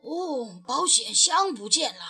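A woman reading a children's picture book aloud with expressive, lilting storytelling. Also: high voice, slow.

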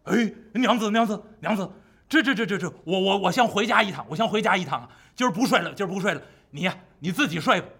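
A cowardly, boastful pig demon, as a male storyteller acts him out, stammering and flustered. His voice is high and swings widely, and it has a slightly husky brightness. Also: animated, fast, exaggerated voice. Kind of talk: traditional storytelling.

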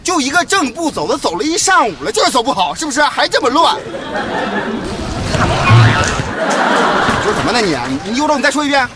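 A man's voice: extremely high pitch, big pitch swings, rapid-fire. A man playing a stern, mocking drill instructor in a comedy skit, barking out drill commands and scolding. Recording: loud music and crowd noise behind.

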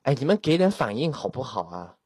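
A man's voice: mid-range voice, big pitch swings, fairly quick, a little mellow, breathy edge, dry recording. A man hosting a voice chat room, talking in a playful, dramatic, self-mocking way from an empty room. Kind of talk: casual chat.

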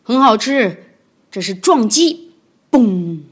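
A woman voicing a big tyrannosaurus who turns into a gentle father, speaking in a gruff, drawn-out way. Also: a little high, expressive.

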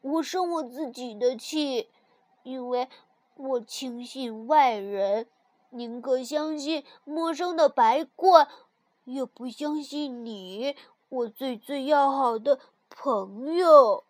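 A woman voicing an impulsive, emotional young male frog in a storybook reading, with loud, excitable outbursts. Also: sits high, slow pace, dry recording. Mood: sheepish. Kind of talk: storybook character voice.

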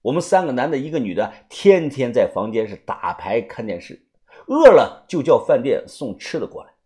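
Man narrating with lively swings of pitch. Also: normal speed. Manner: casual storytelling, swings of pitch. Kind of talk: first-person audiobook narration.

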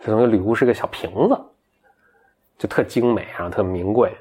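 A man casually retelling a folktale in a relaxed, chatty way, with many fillers and restarts. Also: lowish voice, fairly quick, husky. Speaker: storyteller.

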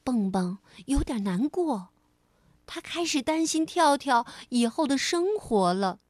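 A woman storyteller reading a children's story gently and slowly. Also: high-pitched, animated, no room sound. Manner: gentle, slow, soothing narration.

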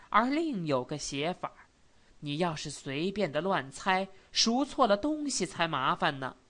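A woman reads a novel aloud in steady, measured narration. Her voice is low for a woman and her pace unhurried. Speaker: audiobook narrator. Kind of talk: scripted narration.

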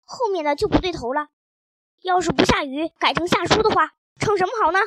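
A woman reading a children's story, voicing an excitable, playful father with loud, gleeful exclamations. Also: extremely high pitch, fairly quick, no room sound, studio quality.

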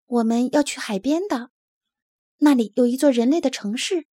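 Woman doing a loud whiny puppy. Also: sits high, moderate pace, dry recording, clean studio sound. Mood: eager. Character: hot-tempered little male sled-dog puppy.

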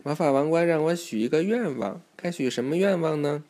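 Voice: mid-range voice, expressive, a little fast, mellow. Parent storyteller, read-aloud for a young child, instructive and inviting answers. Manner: instructive, asks the listener questions.

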